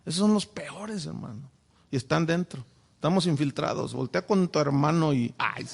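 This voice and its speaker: This pastor's voice sits on the high side, with a little vocal fry and a tone that's somewhat mellow yet slightly rough, delivered at a normal speed. He teaches Bible study in a church classroom with a whiteboard, preaching the lesson and often posing rhetorical questions to the audience.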